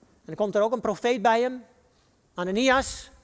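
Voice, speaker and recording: A man with a Dutch accent preaching a sermon, reading scripture quotes slowly and building to dramatic rises. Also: very high voice, smooth, big-room sound.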